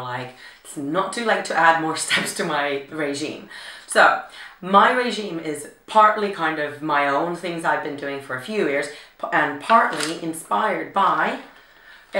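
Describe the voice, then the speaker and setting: Hoarse, chatty young woman vlogger. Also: low-pitched, distant mic. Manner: chatty and excitable, many fillers. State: hoarse from illness, low gravelly voice. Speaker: beauty vlogger. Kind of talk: casual vlog chat. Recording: echoey room, mic set back.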